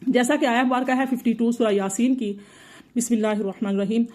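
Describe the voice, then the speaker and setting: A woman's voice: fairly high pitch, steady tone, a little fast, darkish tone. A woman teacher explaining Quran recitation rules patiently, often repeating her points. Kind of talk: explanatory tajweed lesson.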